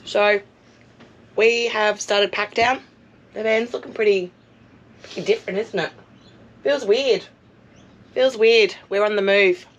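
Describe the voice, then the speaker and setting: A hoarse woman, chatting casually and poking fun at herself in a travel vlog, outdoors at a caravan park. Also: mid-range voice, flat delivery, moderate pace, pauses often, fairly bright tone, muffled recording. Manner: chatty, self-mocking. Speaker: travel vlogger. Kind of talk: casual chat.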